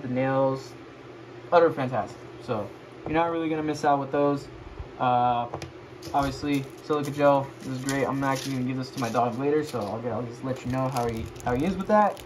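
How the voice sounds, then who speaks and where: A drunk man giving a casual, unscripted toy review, rambling and swearing as he loses track and repeats himself. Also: mid-range voice. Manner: rambling and foul-mouthed. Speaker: host of a toy review video. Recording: noisy home recording, clear background noise.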